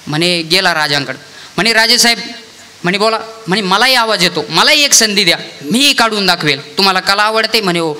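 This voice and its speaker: Bright high-voiced young kirtan preacher. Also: male voice. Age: young adult. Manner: tells a parable and acts out each speaker's lines; calls out the deity's name between passages. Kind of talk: devotional sermon with storytelling.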